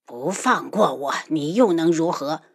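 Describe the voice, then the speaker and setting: A woman's voice: sits low, animated, unhurried, breathy edge, voice pushed down, full character voice. A woman doing a scheming old nobleman, cold and sneering. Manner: sneering, menacing. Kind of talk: audiobook character voice.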